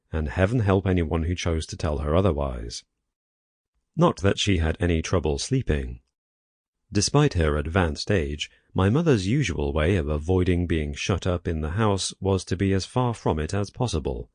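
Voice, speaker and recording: A man narrating a first-person horror story in a measured way, with wry asides. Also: sits low, darkish tone, no echo, clean studio sound. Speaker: audiobook narrator.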